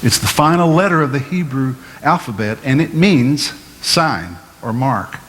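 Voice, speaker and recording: A male pastor giving a measured, explanatory Bible-teaching sermon, asking his listeners questions as he goes. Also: medium pitch, animated, a bit bright. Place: church sanctuary. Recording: long hall reverb, faint room noise.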